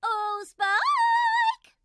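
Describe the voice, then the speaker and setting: A woman's voice: extremely high pitch, huge pitch swings, very slow, sharp tone, dry recording, clean studio sound, soft background music, heavily acted. A woman voicing a refined, dramatic unicorn fashion designer in a cartoon, with posh, theatrical diction. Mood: charming. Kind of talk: cartoon voice acting.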